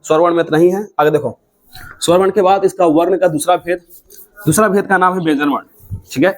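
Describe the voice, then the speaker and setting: A man's voice: sits high, fairly even intonation, brisk. A man teaching a grammar lesson, repeating points and drilling students with questions. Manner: repetitive, drilling questions and answers.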